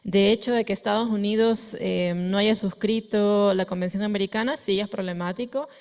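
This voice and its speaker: A woman's voice: mid-range voice, normal speed, smooth. A woman from Ecuador speaking as a panelist in an academic discussion, hesitant, with many fillers and restarts.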